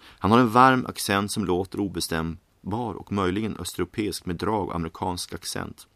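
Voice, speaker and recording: Man, story narrator, deep voice, calm measured reading, dry close recording. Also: vocal fry, no room sound. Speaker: audiobook reader.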